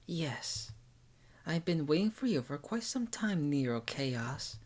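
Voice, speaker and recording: A man voicing a calm, regal female vampire princess who speaks in a poised, teasing way, while reading a visual novel aloud. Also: fairly high pitch, slow pace, full character voice.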